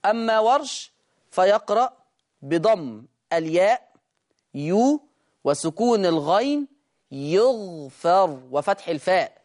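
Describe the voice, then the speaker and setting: Egyptian Quran teacher, brisk then drawn-out. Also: medium pitch. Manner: brisk explanation, slow drawn-out demonstration of words. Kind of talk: recitation lesson.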